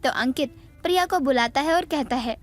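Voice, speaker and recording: A woman with a high voice narrates a storybook tale. She tells it evenly and plainly. Soft music plays behind her. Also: a little fast.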